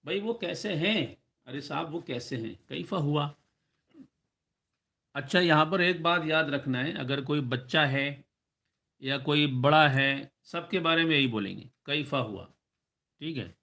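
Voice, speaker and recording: This patient Arabic teacher has a fairly high, pushed and bright voice with some vocal fry. Recorded in an online lesson, he repeatedly checks with "ٹھیک ہے؟" and stretches his example phrases out slowly.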